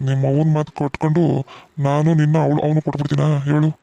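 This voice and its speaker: A man voicing a gentle middle-aged village father in a cartoon, soothing and reassuring his daughter. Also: fairly high pitch, monotone, quick pace, vocal fry, highs cut off. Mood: comforting. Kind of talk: cartoon voice acting.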